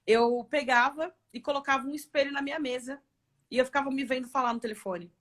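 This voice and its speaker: Woman executive, interview guest; lively storyteller, slightly high voice. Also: brisk. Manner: lively storytelling with frequent tag questions. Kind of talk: casual live interview chat.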